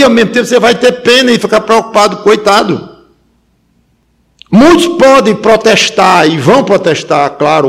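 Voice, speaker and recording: A male preacher delivers a sermon in a fairly high voice. He swings between loud, emphatic peaks and low, quiet stretches. He often repeats and restarts words mid-thought. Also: vocal fry, slightly rough. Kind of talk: sermon on Ecclesiastes.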